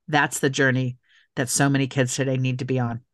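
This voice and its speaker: A middle-aged author and city council member speaks earnestly as an interview guest, repeating phrases for emphasis with heartfelt conviction. Her rumbling low voice has a flat delivery and a fairly quick pace, recorded in a clean studio with no echo.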